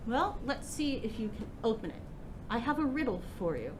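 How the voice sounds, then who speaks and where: A menacing old hag, acted out by a woman for a tabletop fantasy game. She taunts theatrically, with lively swings of pitch. The recording is noisy and rumbles underneath. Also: moderate pace. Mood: taunting. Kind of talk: tabletop game role-play.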